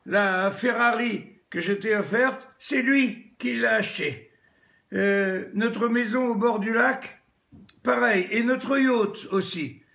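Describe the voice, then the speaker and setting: A frantic wife begging for mercy in a raised, pleading voice, as a man puts her on. Her voice climbs well above the teller's own and comes out loud and tense, in a spoken joke. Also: slow, creaky, heavily acted. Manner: begging, high-pitched.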